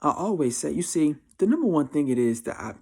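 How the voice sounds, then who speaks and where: Very animated and brisk, a twenty-four-year-old American-accented man delivers a slangy, blunt, emphatic monologue of life advice straight to camera, confessional and casual, repeating phrases often. His voice is fairly high, dark in tone, slightly rough, with vocal fry.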